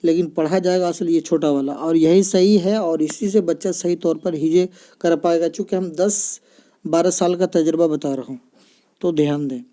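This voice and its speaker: This is a children's Arabic-letters teacher: a man with a slightly high, dark, steady voice speaking at a moderate pace. He explains reading patiently, checks in with listeners often, and repeats points using "ठीक है ना."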